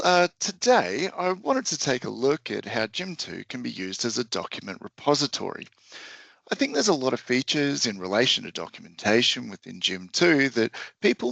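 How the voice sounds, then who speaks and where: A man hosting a software webinar in a friendly, upbeat, scripted way. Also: mid-range voice, creaky, dry recording. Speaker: webinar host.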